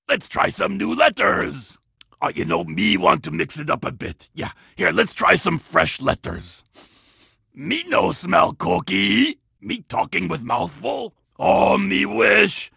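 A man voicing a greedy, childlike cookie-loving monster in a children's game, with a gravelly voice and broken grammar. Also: sits high, sing-song, slow pace, bright, forceful tone, dry recording, clean studio sound, full character voice. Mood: eager. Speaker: in-game character.

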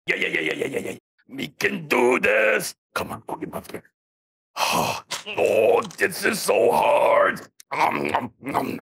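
Cookie Monster, gravelly and excitable. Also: male voice, fairly high pitch, slow pace, dry recording, studio quality, full character voice. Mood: excited. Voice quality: gravelly, broken grammar. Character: greedy furry blue cookie-loving monster, childlike, excitable. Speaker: in-game character. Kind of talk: children's game voice acting.

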